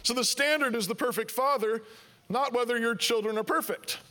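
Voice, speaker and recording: A man's voice: extremely high pitch, brisk, bright, forceful tone. A man preaching a sermon in a conversational way, asking the congregation questions and voicing their objections. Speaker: pastor.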